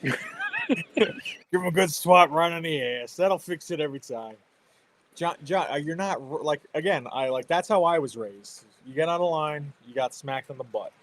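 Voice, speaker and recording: A man in his thirties hosting a casual chat, telling parenting stories in an animated way. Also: on the high side, slight background noise. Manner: animated storytelling with laughs. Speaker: host.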